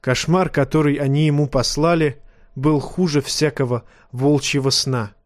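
A man's voice: a little high, moderate pace, no echo. Man narrating an audiobook, dry close sound. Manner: steady, even storytelling. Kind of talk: scripted narration.

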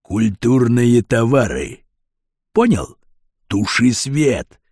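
A heavyset small-time crook, put on by a male reader, coaxing and sly, stretching his words slow and low as if sharing a secret. The voice is husky, and the dry recording keeps it close and plain, like a storybook read aloud. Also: big pitch swings, a little mellow, no room sound, heavily acted. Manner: slow, drawn-out, conspiratorial.

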